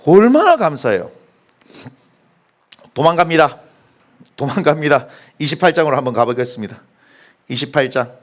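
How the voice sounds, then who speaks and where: A male pastor preaching a sermon in a church, animated, asking the congregation questions and answering them himself. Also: mid-range voice, quick pace. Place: church sanctuary.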